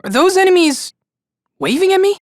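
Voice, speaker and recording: An actor playing a cheerful, naive boy angel hero in a video game, earnest and excitable. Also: very high voice, moderate pace. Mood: puzzled, earnest.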